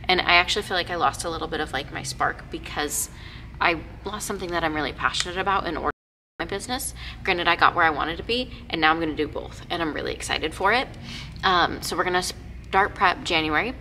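A woman's voice: fairly low pitch, quick pace. A young woman trainer talking casually to a vlog audience and explaining exercises in a gym. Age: young adult. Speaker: fitness trainer and vlogger. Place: indoors in a gym. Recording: noisy gym with loud background noise.

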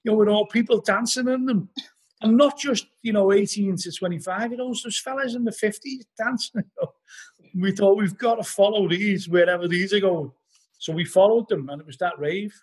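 Speaking from his living room via laptop webcam, a middle-aged band vocalist from Liverpool rambles through anecdotes in a casual podcast interview, saying "you know" constantly. His high-pitched voice is husky and fairly quick, and the recording is low quality.

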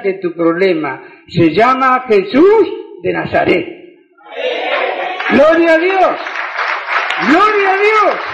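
An older Argentine preacher with a high voice tells his testimony, surging into fervent, shouted praise. The sound is muffled and echoes around a church hall. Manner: emotional, builds to shouted praise. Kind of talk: sermon testimony.

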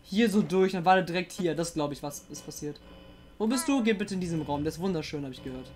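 A woman playing a horror game and commenting, jumpy and excitable, often swearing and coaxing the monster on screen. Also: on the low side, quick pace. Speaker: let's player.

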